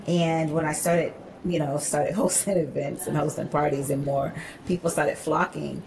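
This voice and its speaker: A woman's voice: low voice, moderate pace, creaky, noisy background. A woman in her forties, a podcast guest, telling travel stories in casual chat and acting out quotes. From United States. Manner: animated storyteller, acts out quotes. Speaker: podcast guest, event organizer.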